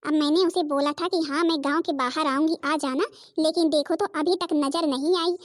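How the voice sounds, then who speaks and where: A woman's voice: high-pitched, fairly even intonation, moderate pace, no echo, clean studio sound, natural voice. A woman voicing a scheming middle-aged mother in a cartoon, bossy and sly.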